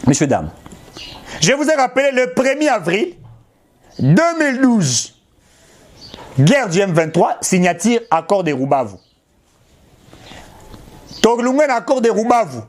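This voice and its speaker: A middle-aged man from DR Congo, with a Congolese French accent, addresses his audience directly as a political commentator in an impassioned, emphatic and insistent way. His voice is high and sing-song, a little slow, with long pauses.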